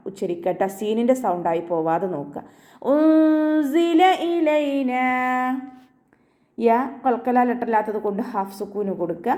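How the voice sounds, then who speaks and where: A woman teaching Quran recitation in an online tajweed lesson, explaining each rule patiently and chanting the verses slowly in a higher, drawn-out voice. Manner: patient step-by-step instruction, softly ending phrases with "ട്ടോ".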